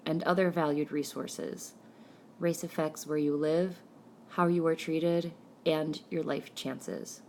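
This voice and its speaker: A woman with a low voice delivers a lecture in a measured way, listing her points one after another. A faint hum of background noise sits under her voice. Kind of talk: recorded lecture narration.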